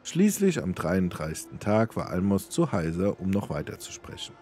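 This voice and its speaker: A man hosting a let's play, reading an in-game book aloud with expressive storytelling and offhand asides. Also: low voice, normal speed.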